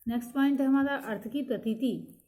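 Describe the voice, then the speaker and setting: A woman teaching a lesson, reading points from her notes in a steady, explanatory way, with fillers and "next point" cues between topics. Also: high voice, a little fast.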